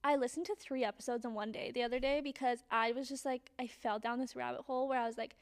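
A young woman with a high voice chats casually as a podcast co-host. She talks like a Valley girl, in a loose, filler-heavy way. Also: fairly even intonation, fast. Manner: Valley-girl talk, peppered with "like" and "literally". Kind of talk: casual chat.

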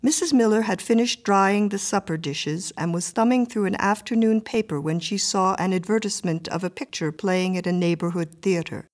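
Woman, story narration, measured, even, mid-pitched.

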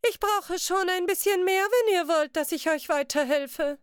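A woman voicing a fussy, haughty male merchant with a high, shrill voice in an audiobook. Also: moderate pace, no room sound, studio quality. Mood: indignant, fussy. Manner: shrill and indignant. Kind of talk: audiobook character voice.

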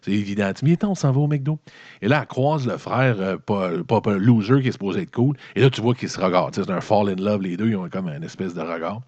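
Fast-talking Québécois man recapping a film. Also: fairly low pitch, dry recording. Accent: Québécois French. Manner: swearing, animated, colloquial storytelling. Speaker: comedic movie reviewer. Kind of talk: rambling comedic film recap. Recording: dull, lo-fi dry recording.

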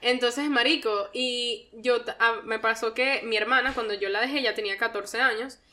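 Young venezuelan woman on a podcast, high voice, slangy and lively, laughs a lot. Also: moderate pace. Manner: animated, slangy, laughs often. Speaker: guest. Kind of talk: casual podcast chat.

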